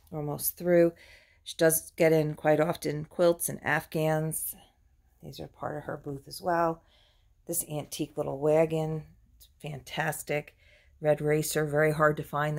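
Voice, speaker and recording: A woman's voice: sits low, little pitch movement, a little slow, creaky. A woman giving a chatty phone-filmed tour of an antique shop, admiring the items as she goes. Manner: chatty, admiring, drifts softer and louder as she pans. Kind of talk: casual walkthrough narration. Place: indoors in a crowded antique shop.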